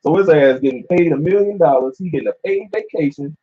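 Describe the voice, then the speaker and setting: A man reads out case details and comments on them in casual slang. His voice is husky and sits at a middle pitch. The recording is dull and muffled. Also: fast, dark tone. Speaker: discussion participant. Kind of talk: casual religious discussion.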